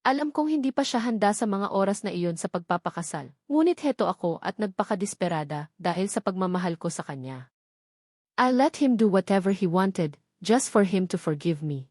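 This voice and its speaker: A woman's voice: mid-range voice, animated, normal speed, darkish tone, no room sound. Woman narrating a romance novel, dry sound.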